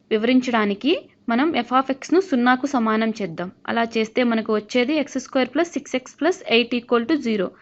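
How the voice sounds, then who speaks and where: A woman talks through a math lesson over a screen recording. She is patient and keeps asking whether the learner follows. The sound is slightly dull and lo-fi. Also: fairly high pitch. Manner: patient, asks learners to check along. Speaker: math teacher.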